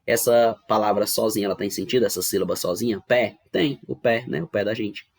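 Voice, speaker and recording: A brisk, creaky, darkish voice of fairly low pitch belongs to a man with a Brazilian Portuguese accent. He's recording an online grammar lesson at home, explaining each step patiently and checking in with students often.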